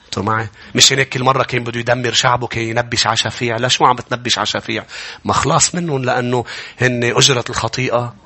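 A man with a Lebanese accent preaching a sermon, swinging from quiet, close speech to loud, impassioned peaks. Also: medium pitch, steady tone, very fast, slightly rough. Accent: Lebanese Arabic. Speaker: pastor.

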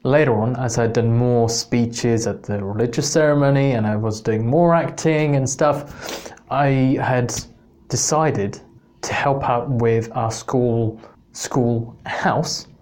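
A man's voice: medium pitch, takes it slowly, darkish tone. A man from England telling a personal story on his podcast in a casual, rambling way, with many restarts. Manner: rambling, many restarts, self-mocking laughs. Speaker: podcast host.

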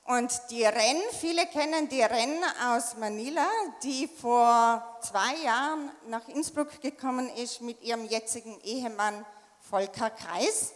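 A woman from Tyrol, speaking German with an Austrian accent and a fairly high voice, gives a church testimony as a member of the congregation. She shares her personal story in short phrases, pausing so an interpreter can follow. The echoey hall adds a long reverb.

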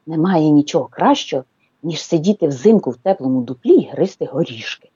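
A woman voicing a quick little female squirrel in a children's story, perky and matter-of-fact. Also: low voice, lively intonation, mellow, slightly rough, no echo, highs cut off, heavily acted.

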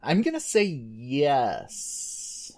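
Slow, musing man weighing answers. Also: medium pitch, big pitch swings. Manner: deliberating aloud, laughing. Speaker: panelist.

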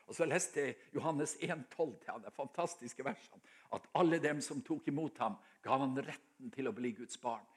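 A man's voice: mid-range voice, husky. An older man from Norway's Helgeland coast with a Northern Norwegian accent, preaching a heartfelt sermon and telling stories with frequent restarts.

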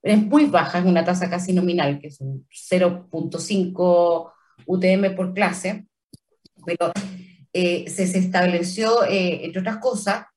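A woman with a Chilean Spanish accent and a lowish, darkish voice speaks as a trademark office official in an interview. She explains carefully, pausing on fillers and restarting phrases. She's recorded from a distance, a little away from the microphone.

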